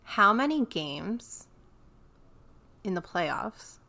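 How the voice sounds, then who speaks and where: A woman's voice: mid-range voice, very animated, extremely slow, gravelly, pushed and bright. A woman co-hosting a casual sports podcast, pointed and sarcastic, quizzing the others. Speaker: podcast co-host.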